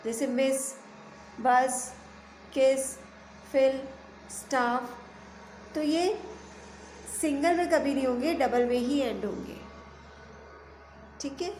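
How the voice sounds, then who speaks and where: A woman teacher giving a grammar lesson, spelling words out letter by letter and reading rules slowly before quick explanations. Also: high voice, darkish tone. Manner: mixes slow English rule reading with quick explanations. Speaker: school teacher. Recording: echoey room, faint background hum.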